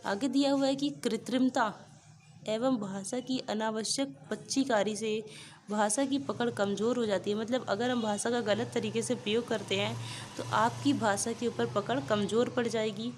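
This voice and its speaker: A woman with a fairly high voice teaching a class lesson, explaining step by step and restating points in simpler words. A faint hiss of background noise sits under her voice. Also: steady tone, normal speed. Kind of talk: explaining a school poem.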